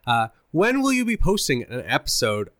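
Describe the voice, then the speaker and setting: Bright-voiced man on a podcast. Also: on the high side, wildly swooping pitch, normal speed. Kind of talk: casual podcast chat.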